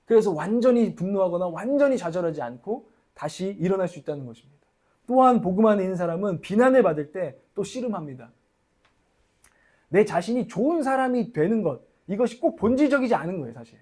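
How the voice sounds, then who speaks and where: A man's voice: high voice, very animated, fast talker, dark tone. A young man preaching a sermon as a church pastor, candid and confessional, acting out his own inner voice.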